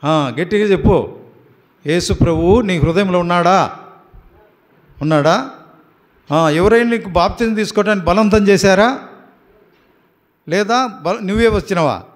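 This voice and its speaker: High-pitched male pastor from Andhra Pradesh; firm, coaxing questioner at a baptism. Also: normal speed, pauses often. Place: prayer house.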